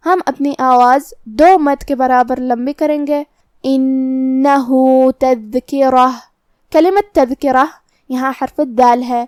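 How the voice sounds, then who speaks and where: A woman teaching Quran recitation, calmly explaining pronunciation rules and then reciting verses slowly with long held sounds. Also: sits high, dry recording, studio quality. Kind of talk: tajweed lesson with slow recitation.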